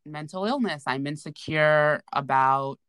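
A woman co-hosts a casual podcast chat and tells her stories in a loose, rambling way full of little fillers. Her voice sits low but sounds bright and forward. The recording is dry and close. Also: measured pace, clean tone, no room sound. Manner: chatty, rambling storyteller with many fillers. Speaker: podcast co-host.

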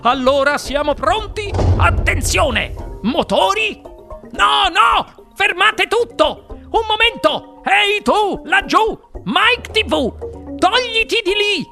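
A man reading an audiobook, voicing an eccentric male chocolate-factory owner who shouts theatrical, commanding exclamations. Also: very high-pitched, animated, slow, creaky, soft background music, pitched above the performer's own voice, exaggerated voice.

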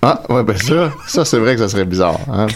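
A man's voice: fairly low pitch, expressive, a little fast. A man co-hosting a morning radio show, trading playful, mock-earnest banter. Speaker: radio co-host. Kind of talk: casual chat.

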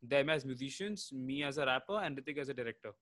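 Rapid Indian man mixing Hindi and English. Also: mid-range voice, fairly bright tone. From Lucknow, India. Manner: mixes Hindi and English mid-sentence. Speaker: rapper interviewed as guest. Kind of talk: casual conversational interview.

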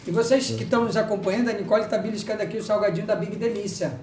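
A man's voice: sits high, steady tone, very fast, echoey room, far from the mic, slight background noise. Jovial male talk show host. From Brazil. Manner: jovial, reads sponsor shout-outs. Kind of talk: live talk show chat.

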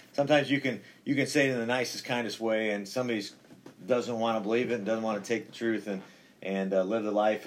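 A man with a low voice speaks as a pastor in an informal podcast talk. He is conversational and halting, circling back to repeat phrases as he shares his faith. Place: indoors, inside a metal church building.

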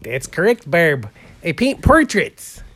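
A man's voice: on the high side, big pitch swings, slow pace, a bit bright, full character voice. A man playing a rambling folksy painter. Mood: goofy. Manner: drawling, rambling, full of "uh" and "there". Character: folksy heavyset male portrait painter, goofy. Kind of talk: improvised comedy interview.

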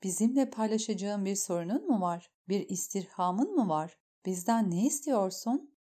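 A woman's voice: mid-range voice, animated, normal speed, warm tone, close to an everyday voice. A woman voicing a commanding, impatient young queen in an audiobook reading.

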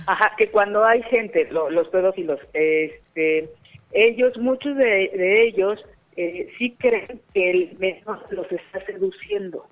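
Woman on a choppy, dropping phone line. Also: medium pitch. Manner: halting, restarts words, many fillers. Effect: phone call breaking up and dropping out. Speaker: guest expert on a phone call. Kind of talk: explaining on a radio talk show. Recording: tinny phone line cutting in and out.

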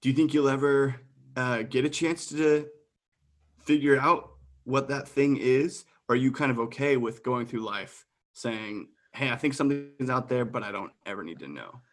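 A man's voice: mid-range voice, normal speed. A man hosting a podcast, asking curious questions in casual interview chat with short encouraging hmms. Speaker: podcast host.

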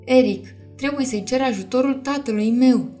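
Ariel, a sweet, high young mermaid princess, as a woman puts her on. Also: warm tone, soft background music, close to an everyday voice. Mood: tender.

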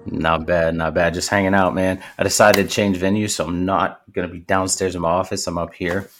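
A man's voice: low voice, flat delivery, a little fast, a little hiss or hum. An American man hosting a podcast, chatting in an informal, buddy-like way. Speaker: podcast host. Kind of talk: casual chat.

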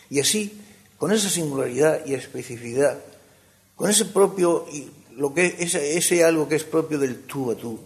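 A man preaching a sermon. He swings between emphatic rises and hushed, soft passages. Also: mid-range voice.

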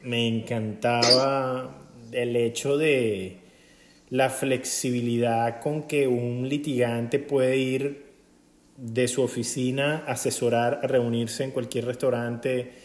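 A man's voice: medium pitch, level tone, slow, reverberant. A man from Venezuela hosting a casual podcast chat, jovial and playful with a self-mocking streak. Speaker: podcast host.

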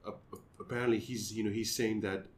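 A young man in casual chat, talking haltingly and leaning on filler phrases. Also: lowish voice, fairly even intonation. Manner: halting, repeats fillers a lot.

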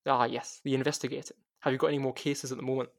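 A man voicing a loud, cheerful Scottish woman who runs a bookshop, speaking in a booming, boisterous way. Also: little pitch movement, rapid-fire, vocal fry, lightly acted. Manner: bellowing, boisterous.

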